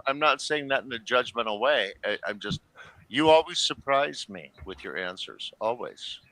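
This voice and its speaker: A man on a casual livestream panel, talking in an expressive, teasing way. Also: medium pitch, moderate pace, background noise.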